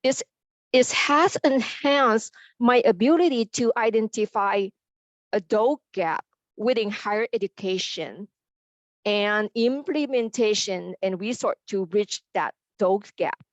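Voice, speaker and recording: Slow careful woman, dry and dull-sounding recording. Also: mid-range voice, dry recording. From Vietnam. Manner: slow, careful, halting delivery. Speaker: panelist. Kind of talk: reading a prepared personal story.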